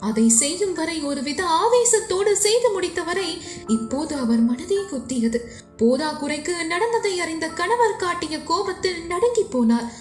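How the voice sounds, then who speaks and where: High-voiced woman narrating a novel emotively. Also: lively intonation, moderate pace. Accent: Sri Lankan Tamil. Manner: emotive, dramatic. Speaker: storyteller. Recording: echoey room with faint music.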